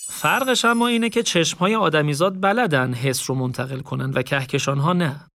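A man reading a story aloud in a calm, reflective, casual spoken style. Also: a little high, vocal fry, no room sound, clean studio sound. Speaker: narrator. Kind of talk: audiobook story narration with reflective asides.

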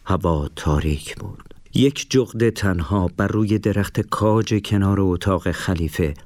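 A man narrating a storybook in a steady, measured way. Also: deep voice.

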